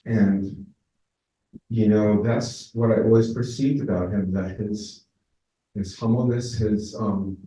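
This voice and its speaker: A man, a former student, giving a spoken memorial tribute in a halting way, searching for words with many fillers. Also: fairly low pitch, fairly even intonation, warm tone. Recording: very echoey, distant from mic.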